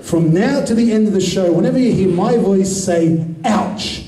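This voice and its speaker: Brief: Australian male stage hypnotist, high voice, mixes shouted cues with soft trance talk. Roomy live venue recording with crowd noise. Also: distant mic. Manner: shouted commands, then soft slow hypnotic murmur. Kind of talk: live comedy hypnosis show. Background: audience laughter and noise.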